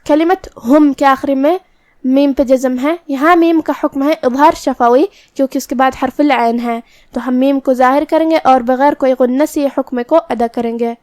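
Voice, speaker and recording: A woman teaching Quran recitation rules in a tajweed lesson, explaining each letter step by step and chanting verses slowly. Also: high voice, steady tone, darkish tone, dry recording, clean studio sound.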